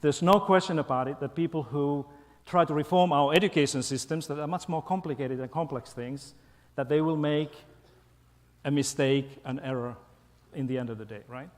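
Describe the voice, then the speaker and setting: Male lecturer from Finland, slightly high-pitched, engaging and playful; long auditorium reverb. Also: moderate pace. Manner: lively and playful, coaxing the crowd, frequent "okay?" and "right?". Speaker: guest lecturer. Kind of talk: public lecture with audience participation. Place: large university auditorium.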